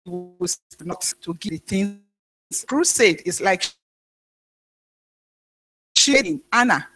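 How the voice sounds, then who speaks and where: A woman pastor preaching a sermon, telling a story in a halting way with frequent restarts. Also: mid-range voice, lively intonation, a bit bright, slightly rough.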